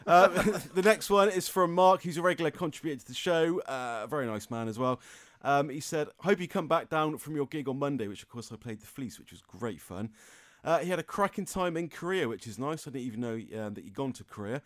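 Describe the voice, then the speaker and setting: A man's voice: fairly high pitch, lively intonation, a little fast, hardly any pauses, no room sound. A man hosting a local radio show in a studio, rambling and jokey, laughing often. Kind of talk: casual on-air chat and announcements. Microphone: studio microphone.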